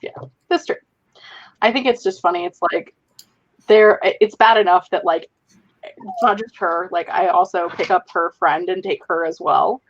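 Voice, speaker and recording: A woman's voice: on the low side, normal speed, dull audio. A middle-aged woman hosting a casual group video chat, talking in a rambling way full of fillers. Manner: chatty, rambling with many "like" fillers. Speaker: host.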